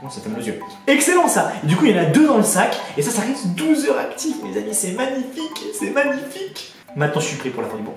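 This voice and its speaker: A man's voice: high voice, huge pitch swings, quick pace. A man chatting casually to his viewers on a headset mic as he unboxes things, eager and addressing them as friends. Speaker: YouTuber. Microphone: borrowed headset. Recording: echoey, distant headset sound with music.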